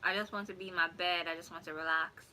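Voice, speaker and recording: On her first live stream from home, a young Jamaican YouTuber chats casually and rambles, correcting herself as she goes in a relaxed way. Her voice is fairly low and her pace quick. The low-quality phone recording carries faint background ambience.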